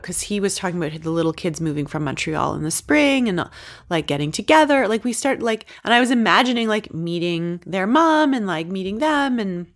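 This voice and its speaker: A woman being interviewed, talking candidly and conversationally about her experience. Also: medium pitch. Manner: conversational, frequent "like" fillers.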